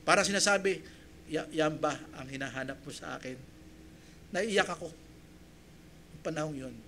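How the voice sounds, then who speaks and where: A male pastor from the Philippines preaching a sermon, telling his own story with feeling and acting out his prayers, then building to loud, emphatic appeals. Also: a little high, normal speed, slight background noise. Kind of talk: sermon with personal testimony. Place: church.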